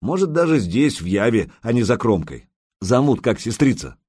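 A man playing a gruff, blunt young warrior prince. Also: medium pitch, big pitch swings, normal speed, darkish tone, no room sound, studio quality. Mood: curt. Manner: gruff, curt, mocking.

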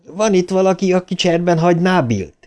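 A man voicing a loyal, loudmouthed boy who talks fast and urgently, in an audiobook. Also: high voice, lively intonation, voice pushed up. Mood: rallying. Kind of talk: audiobook character voice.

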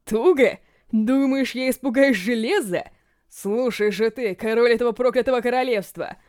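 A woman's voice: on the high side, normal speed, a little mellow, natural voice. A woman voicing a terrified captive man who pleads and sobs hysterically in an audiobook.

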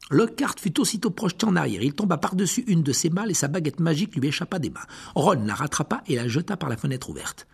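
A man narrating an audiobook in an expressive storytelling manner. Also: on the high side, gravelly, breathy edge.

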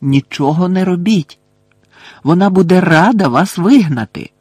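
A man's voice: unhurried, darkish tone, breathy edge, no room sound, clean studio sound. A man voicing a clever teenage schoolgirl who talks nervously and urgently. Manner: nervous, urgent, raised pitch.

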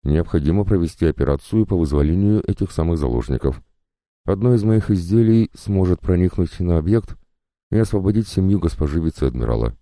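A man voicing a cunning male professor and inventor, speaking softly and almost kindly. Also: low-pitched, animated, a little fast, no echo, studio quality, voice pushed up. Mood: calm, assured. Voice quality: soft, almost kind.

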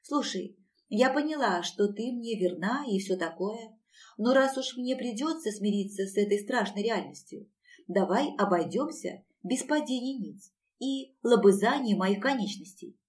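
A woman's voice: mid-range voice, lively intonation, unhurried, distant mic, close to an everyday voice. A woman voicing a flippant modern young heroine who talks in a dry, slangy, sarcastic way, recorded a little away from the mic. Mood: wry.

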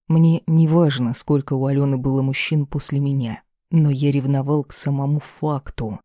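Mellow, steady man narrating a romance. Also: medium pitch, moderate pace, no echo, clean studio sound. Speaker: audiobook reader. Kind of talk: first-person romance narration.

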